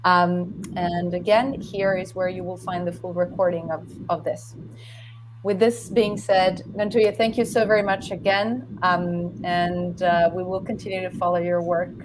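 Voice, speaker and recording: A woman's voice: on the low side, level tone, a little slow. A woman moderating an online talk in a polite, appreciative manner. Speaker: host, moderator. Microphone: video call. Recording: video call with clear background noise.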